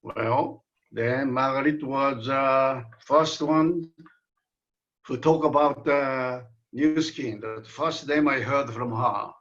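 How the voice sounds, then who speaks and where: A man in his eighties with a Japanese accent speaks as a guest over a video call, slow and unhurried, filling his pauses. His voice sits at a middle pitch. The sound is a bit dull and lo-fi. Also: fairly bright tone. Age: 80s. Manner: unhurried, with many fillers. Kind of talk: casual interview.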